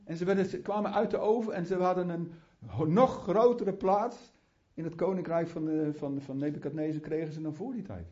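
Male preacher, fervent and chatty, slightly high voice with a mellow tone, muffled lo-fi recording. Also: a little fast, few pauses. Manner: fervent, rising to prayerful fervor; chatty asides, restarts. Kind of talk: sermon. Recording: muffled lo-fi sound.

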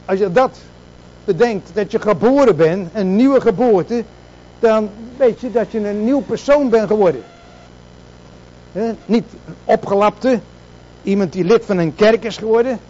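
A man's voice: high voice, measured pace, long pauses, dark tone, lo-fi sound. A man preaching a sermon, asking rhetorical questions and repeating words for emphasis.

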